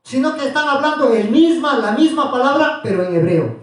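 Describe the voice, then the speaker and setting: A man preaching to a small group, pressing his point with repeated questions. His voice sits high, and it rings around a very echoey room. The mic is some distance away. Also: lively intonation, a little fast, fairly bright tone. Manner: questioning, repetitive, insistent. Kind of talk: religious teaching to a small group.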